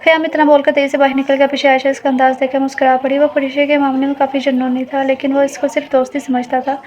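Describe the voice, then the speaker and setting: एक औरत उपन्यास पढ़ती हुई, ऊँची और एकसार आवाज़, धीमी lo-fi recording.. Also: female voice, high voice, level tone, quick pace, darkish tone. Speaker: audiobook narrator. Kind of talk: scripted novel narration. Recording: dull lo-fi audio.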